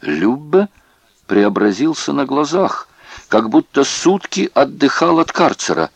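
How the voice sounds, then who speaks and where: A man reading a novel aloud in expressive scripted narration. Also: medium pitch, unhurried, gravelly, husky, dry recording. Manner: expressive storytelling. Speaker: audiobook narrator.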